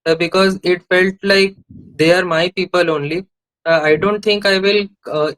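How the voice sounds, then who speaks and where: A young man with an Indian accent answers as a candidate in a formal interview. His voice is fairly high and smooth, closely recorded and dry, with a hesitant, deferential delivery. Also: a bit bright, dry recording, rough recording.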